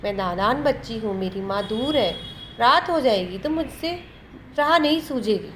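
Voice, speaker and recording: A tiny, innocent bird child from a storybook lesson, anxious and pleading to get home before dark, as a woman teacher reads her. The voice sits fairly high and uneasy. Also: lively intonation, normal speed, slight background noise. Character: small frightened young female bird, innocent.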